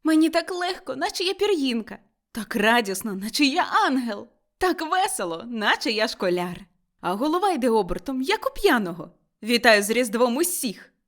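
A woman reader voices Scrooge, the elderly miser of a storybook tale, as a man giddily overjoyed and newly reborn. Her take on him is high-pitched and excitedly jumpy, full of exclamations and repeated words, delivered a little fast.

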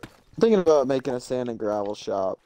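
A man's voice: medium pitch, sing-song, fairly quick, dark tone. A man chatting easygoingly with friends over voice chat while playing a game, laughing often. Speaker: gamer on voice chat. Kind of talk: casual chat.

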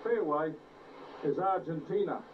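A man's voice: fairly high pitch, expressive. Man narrating an old VHS home video. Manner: unhurried, pointing out sights like a tour guide. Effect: old VHS tape sound. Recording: tinny, distant, hissy old camcorder tape.

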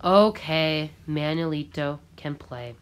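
A woman reading aloud, voicing a bossy, cocky boy who yells at the other kids in a storybook. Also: low-pitched, takes it slowly, clean tone. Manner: yelling, bossy. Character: tough, cocky boy bully.

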